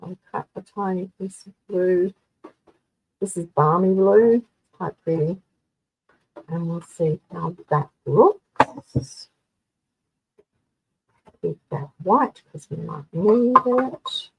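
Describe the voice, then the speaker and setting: A woman's voice: fairly low pitch, slow pace, pauses often, darkish tone, slight background noise, low-quality recording. A woman running a live card-making tutorial, chatting through each step for her viewers. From Australia.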